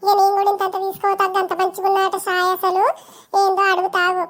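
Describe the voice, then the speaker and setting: A woman's voice: very high voice, completely flat delivery, fairly bright tone. A woman voicing a bossy village wife in a cartoon, scolding brusquely in a Telangana accent. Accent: Telangana Telugu. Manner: scolding, brusque, rapid-fire. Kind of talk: cartoon voice acting.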